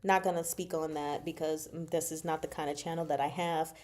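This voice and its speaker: A deep, darkish voice, steady in tone and fairly quick, carries this woman's livestream book discussion. She riffs casually with live chat, using slang, teasing and emphasis, and reacts expressively as she goes.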